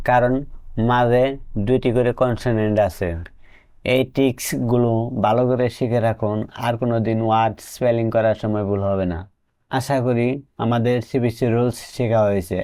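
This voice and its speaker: A man's voice: medium pitch, mellow, smooth, no room sound. Bangladeshi man, dry tutorial voice-over. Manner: slow, spells out letters one by one. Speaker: English teacher. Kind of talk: scripted tutorial narration.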